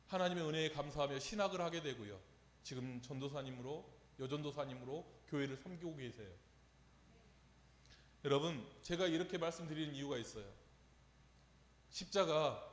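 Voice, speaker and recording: A man preaching a sermon, telling a story and asking the congregation rhetorical questions. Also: on the high side. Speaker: pastor. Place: church sanctuary. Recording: echoey church hall with long reverb.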